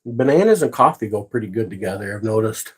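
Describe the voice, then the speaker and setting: A man's voice: fairly low pitch, animated, quick pace, breathy edge. Profane ranting male livestreamer. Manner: profane, ranting, talks to chat viewers. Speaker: livestream host. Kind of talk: casual livestream chat.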